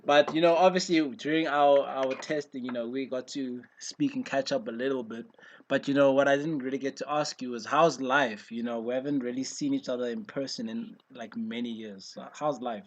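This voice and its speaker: A man's voice: medium pitch, steady tone, brisk, lo-fi sound. Male chat-show host from South Africa, casual video-call chat, rambling delivery full of fillers. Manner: rambling, many fillers and restarts.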